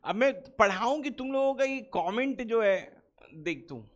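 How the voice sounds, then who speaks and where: High-voiced man teaching online. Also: lively intonation, a little slow. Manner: teasing, chatty, reacts to student comments. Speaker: online exam-prep teacher. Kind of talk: live online class, Hindi-English mix.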